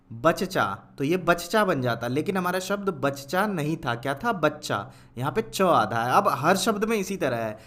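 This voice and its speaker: A young man teaching Hindi spelling, dictating each word slowly, repeating it and quizzing the listener. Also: a little high, a bit bright. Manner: dictates words slowly, repeats each, asks "kya hai?". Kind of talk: slow dictation lesson.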